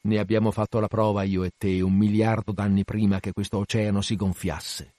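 A man's voice: on the low side, little pitch movement, fairly quick, warm tone, dry recording, clean studio sound, voice pushed down, close to an everyday voice. A man voicing an obsessed, one-legged old whaling captain in a dramatic reading, commanding and declamatory. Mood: brooding.

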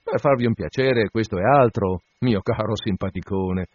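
A man voicing a brash, jovial sailor mate who talks in loud, teasing banter. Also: lowish voice, moderate pace, no room sound, natural voice. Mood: mocking, jovial. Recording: dull lo-fi dry recording.

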